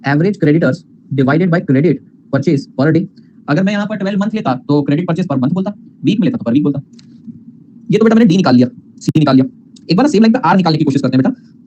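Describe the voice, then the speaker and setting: A man's voice: fairly high pitch, expressive, fast, dark tone, slight background noise, poor audio. A man teaching accounting in a class lecture, mixing in English terms, calling students "beta" and asking questions he answers himself.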